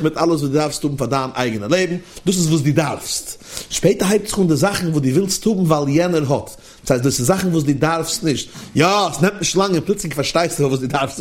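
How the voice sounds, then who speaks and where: A man giving a sermon in a lively, questioning, sing-song manner. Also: a little high. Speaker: religious teacher. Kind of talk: sermon to listeners.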